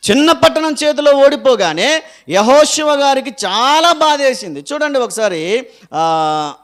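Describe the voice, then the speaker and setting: A man's voice: very high-pitched, animated, unhurried, fairly bright tone. A man preaching a Sunday sermon as pastor, quizzing the congregation and asking members to read verses aloud.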